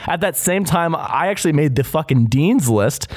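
A man's voice: fairly high pitch, animated, normal speed, a little mellow. A young man co-hosting a podcast, telling stories in a rambling, profane way with many restarts. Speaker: podcast co-host. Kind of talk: casual chat.

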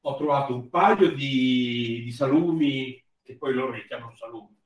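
A man's voice: medium pitch, normal speed, dull audio. A man hosting a live show in a casual, chatty way, his voice roomy and a little far from the mic. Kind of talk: casual chat. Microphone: wearing headphones, voice distant from mic. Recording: roomy echo, distant from mic.

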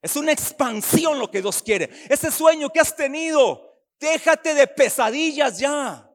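Male pastor from Costa Rica, high voice, fiery sermon delivery with shouted sung peaks, long church reverb. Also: expressive, a little slow. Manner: fiery preaching with sung, shouted swells and quiet asides. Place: church hall.

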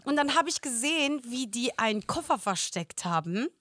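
A young woman with a high, bright-toned voice tells stories with animation and drops in English phrases. Her voice sits close and dry, with no room sound around it. She talks as a casual podcast co-host. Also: lively intonation, moderate pace, dry recording. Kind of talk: casual chat.

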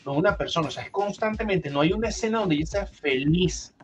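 A young Venezuelan man talking fast in casual podcast chat, his voice sitting a little high. He tells stories in a lively, profane way with plenty of slang, and soft music plays faintly behind him. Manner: animated, profane storytelling with many asides. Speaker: podcast co-host.

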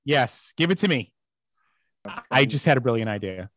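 A man's voice: mid-range voice, animated, normal speed, fairly bright tone, no echo, studio quality. A man with an American accent that occasionally slips slightly into Boston, co-hosting a casual sports podcast in a teasing, emphatic way. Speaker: podcast co-host.

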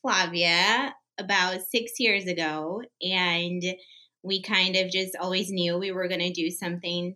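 A woman's voice: medium pitch, bright, forceful tone, poor audio. A woman from Brazil, a podcast guest talking casually and filling her sentences with "like". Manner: chatty, many "like" fillers. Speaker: guest, staging company co-founder.

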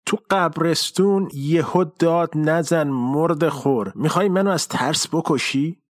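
A man's voice: on the high side, no echo, clean studio sound, close to an everyday voice. A man voicing a blunt, sardonic middle-aged father in an audiobook, with an offhand delivery. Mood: startled. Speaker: voice actor. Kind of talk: audiobook dialogue reading.

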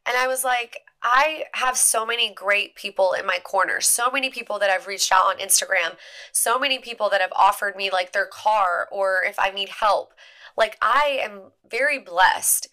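A woman's voice: mid-range voice, normal speed, sharp tone. A young woman from Maryland's Eastern Shore hosting a podcast, talking casually and rambling with lots of "like". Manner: chatty, rambling, heavy use of "like". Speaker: podcast host. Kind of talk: casual solo podcast chat.

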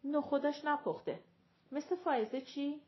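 A woman's voice: high-pitched, dull audio, pitched above the performer's own voice, close to an everyday voice. A woman voicing a blunt, nosy, gossipy middle-aged mother who chatters on, in an audiobook reading.

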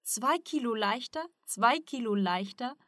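An eager, excitable young man, voiced by a woman reading an audiobook talks in a raised, lifted voice. He fires off impatient, excited questions. The sound is dry and close. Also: high voice, a little slow, no echo, pitched above the performer's own voice, heavily acted. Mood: teasing.

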